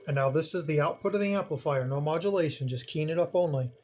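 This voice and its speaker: Here a hobbyist channel host, a man whose voice is a little high and a little mellow, talks quickly through an unscripted equipment demonstration. He keeps it plain-spoken, goes step by step, and circles back to repeat what matters most.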